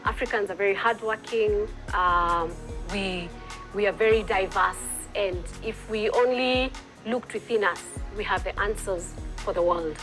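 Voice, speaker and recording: A woman's voice: mid-range voice, a bit bright, soft background music, low-quality recording. A Kenyan woman with a Kenyan accent, an entrepreneur answering interview questions in an earnest, reflective way. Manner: earnest, reflective, pauses with fillers.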